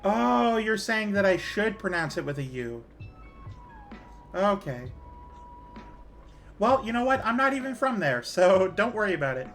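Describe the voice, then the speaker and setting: A woman's voice: mid-range voice, big pitch swings, unhurried, long pauses, faint music behind. A woman with a Canadian accent, chatting casually with her viewers while gaming, rambling with fillers and small laughs. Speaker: streamer.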